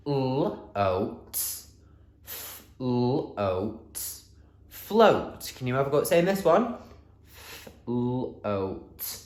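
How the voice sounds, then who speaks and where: A man teaching a phonics lesson to young children, in a sing-song, encouraging way with drawn-out, exaggerated sounds. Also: lowish voice, darkish tone, reverberant. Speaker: primary school teacher.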